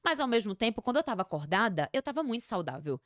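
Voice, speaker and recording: A woman's voice: on the high side, very animated, fast talker, a bit bright, dry recording, clean studio sound. A Brazilian woman talking as a podcast guest, telling a personal story expressively, with lots of slang and fillers. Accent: Brazilian Portuguese. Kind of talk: casual chat, personal storytelling.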